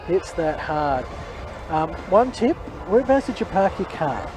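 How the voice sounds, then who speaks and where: A man's voice: high-pitched, sing-song, measured pace. A man doing live, chatty play-by-play commentary at a ballpark. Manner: chatty, jokey. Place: outdoor ballpark with crowd. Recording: crowd noise behind.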